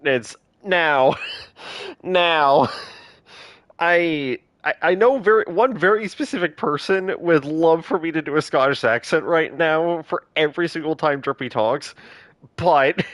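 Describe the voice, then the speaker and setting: A man's voice: a little high, a bit bright, no echo. A man streaming a video game, chatting to viewers with rambling, self-conscious asides. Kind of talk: live game commentary.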